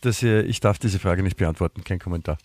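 A man co-hosting a podcast, giving deadpan, evasive comic answers. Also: deep voice, a little fast. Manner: deadpan, dry evasive replies. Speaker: podcast co-host.

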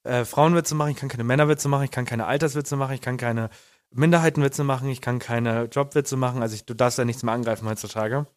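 A young man co-hosting a podcast in casual chat, telling stories with animated energy and shouting out the scenes he acts out. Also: mid-range voice, fast talker. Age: young adult. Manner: animated storytelling, shouts when acting out scenes. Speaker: podcast co-host.

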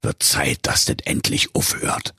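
A man's voice: a little slow, bright, forceful tone, no room sound, clean studio sound. A man voicing a cantankerous stingy old male miser with a Berlin accent, grumbling and scolding.

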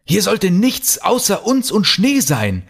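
A man voicing a panicked male polar researcher who shouts in a shrill voice. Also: wildly swooping pitch, slow pace, gravelly, slightly rough, exaggerated voice.

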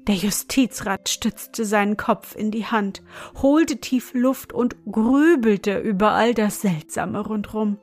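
A woman narrating an audiobook story in a measured storytelling manner. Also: mid-range voice, darkish tone. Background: faint music.

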